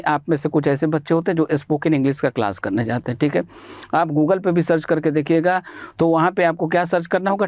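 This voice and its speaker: A man's voice: on the high side, darkish tone, no room sound, studio quality. Indian male teacher spelling words aloud. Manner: asks questions and answers them himself, spells words out letter by letter; addresses students as beta and bhai. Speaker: exam-prep English teacher. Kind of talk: Hindi classroom lecture.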